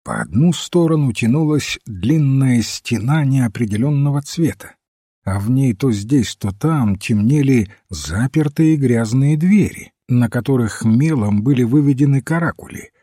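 A man reading a detective story aloud in measured, even narration. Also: medium pitch, dry recording, clean studio sound. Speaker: audiobook reader.

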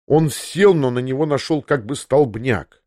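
A man reads a classic novel aloud in a measured, literary first-person narration. The sound is dry and close on the mic, with no room around him, and his voice sits at an ordinary middle pitch for a man. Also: mellow, no room sound. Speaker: audiobook narrator.

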